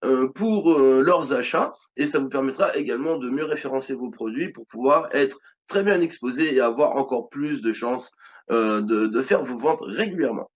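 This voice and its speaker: A man's voice: medium pitch, normal speed. A man in his thirties with a French accent, casually walking viewers through an online selling tutorial, with many fillers and restarts. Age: 30s. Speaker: online business tutorial host. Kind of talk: screen-recorded tutorial walkthrough.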